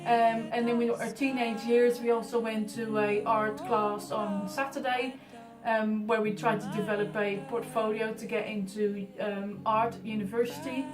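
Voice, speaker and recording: A woman from the Netherlands, in her early thirties, speaks with a Dutch accent in a fairly high, level voice while being profiled as an artist. She talks informally about her life and art, often pausing to gather her thoughts. The mic is distant in a roomy, echoing space, with music clearly audible behind her.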